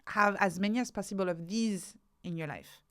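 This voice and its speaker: A woman guesting in an interview, an author and researcher, talks at normal speed in a medium-pitched voice that is a bit bright. She lays out her ideas with thought and emphasis, frequently stringing together examples to make her case.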